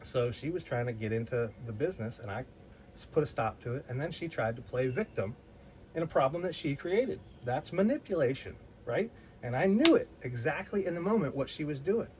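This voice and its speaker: A man's voice: mid-range voice, animated, fairly quick, a little hiss or hum, low-quality recording. A man telling a personal story in a blunt, heated way, swearing freely and often restarting his sentences. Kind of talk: casual storytelling.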